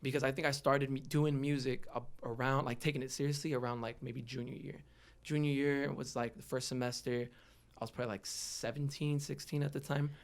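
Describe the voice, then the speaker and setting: Speaking a little fast with vocal fry, a young Southern Californian from the Los Angeles area shares his personal story openly on a podcast, using plenty of slang. His medium-pitched voice has little pitch movement.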